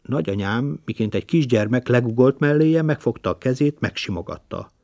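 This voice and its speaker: A man narrating a literary audiobook in a measured, expressive reading. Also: mid-range voice, vocal fry, dry recording, studio quality. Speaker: audiobook reader.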